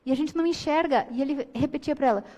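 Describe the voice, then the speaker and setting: A woman's voice: high voice, fast, warm tone. A woman giving an earnest spiritist lecture, acting out the voices she quotes. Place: lecture hall. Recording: long hall reverb.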